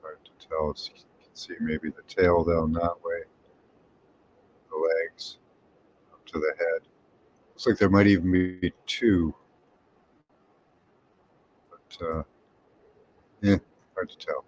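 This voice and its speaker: A man giving unhurried, tentative commentary over images, thinking aloud with pauses and hums. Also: low-pitched, level tone, darkish tone. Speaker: remote viewing presenter.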